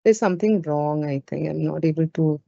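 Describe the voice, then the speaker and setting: A woman's voice: deep voice, brisk, creaky, dark tone. A woman with an Indian accent giving an informal live webinar as a trainer, speaking conversationally with frequent "you know" asides. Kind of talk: informal live webinar talk with audience questions. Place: indoors on an online webinar call. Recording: roomy, dull lo-fi webinar audio.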